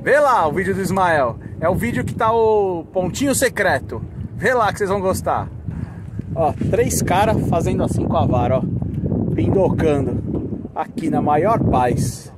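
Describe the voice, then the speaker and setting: A man chatting excitedly and laughing often as he hosts a fishing vlog out on a boat. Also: high voice, measured pace. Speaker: fishing vlogger host. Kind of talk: casual on-camera fishing chat. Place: outdoors on a boat at sea. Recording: loud wind and boat noise.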